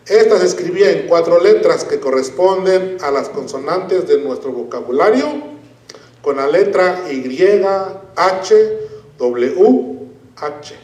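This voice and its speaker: Man, preacher, high voice, unhurried delivery, sermon, echoey church, distant mic. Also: expressive, a little mellow. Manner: slow, deliberate Bible teaching with emphatic stresses.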